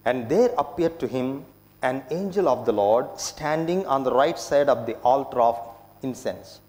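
A man in his thirties, a priest giving a solemn, measured scripture reading at Mass in an echoing church. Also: medium pitch, animated, darkish tone. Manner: measured, formal delivery. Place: inside a church at the lectern. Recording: echoing church with long reverb.

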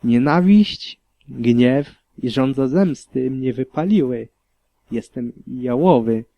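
A man's voice: medium pitch, expressive, takes it slowly, creaky, dry recording, lo-fi sound. A man reading a fanfiction audiobook as first-person narration in a somber, reflective way. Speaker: audiobook reader.

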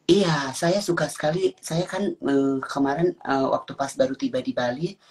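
A woman's voice: extremely low pitch, moderate pace, a little mellow, husky. A woman hosting a phone livestream from a bedroom, chatting casually and teasing her guests with flirty banter. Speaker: livestream host. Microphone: phone front camera.

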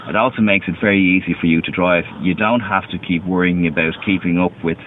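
Deep-voiced man explaining car features. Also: steady tone, quick pace. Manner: patient, step-by-step explaining with restarts. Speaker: car company representative. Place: inside a parked car. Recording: distant, tinny, lo-fi with faint noise.

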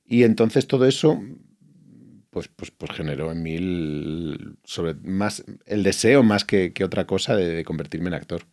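A middle-aged man from Spain with a fairly low voice, talking as an interview guest. He tells his stories with lively asides, acts out what people said, and stops to restart his sentences. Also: unhurried. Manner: anecdotal storytelling, acts out quoted lines, frequent restarts. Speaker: actor guest. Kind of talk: casual interview chat.

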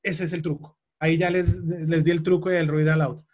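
A man's voice: a little high, flat delivery, normal speed, a little mellow. A man teaching an English exam webinar, emphatic and repeating key points, asking his audience questions. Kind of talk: webinar lesson.

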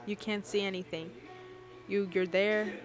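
A woman's voice: mid-range voice, fairly even intonation, measured pace, music in the background. A woman giving an interpreted sermon in a preaching cadence, often putting questions to the congregation.

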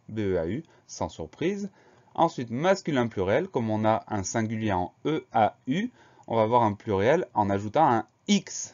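Patient low-voiced man spelling words aloud. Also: a little mellow, lo-fi sound. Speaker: teacher. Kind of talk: spelling lesson.

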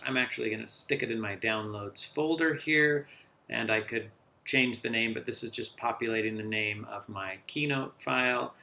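Gravelly man walking through a software tutorial. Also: medium pitch. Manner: relaxed step-by-step walkthrough. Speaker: teacher and author of tutorials. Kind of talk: screen-recorded software tutorial.

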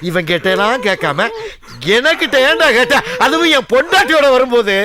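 A man's voice: very high voice, big pitch swings, brisk, a crowd in the background. An actor playing a bossy village man who scolds and repeats his questions in a film comedy. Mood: scolding. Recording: film soundtrack with loud music.

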